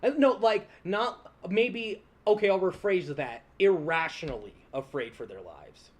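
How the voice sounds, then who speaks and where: A man's voice: high-pitched, measured pace. A young man co-hosting a podcast, chatting casually and rambling, swearing freely and laughing often. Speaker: podcast co-host. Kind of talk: casual chat.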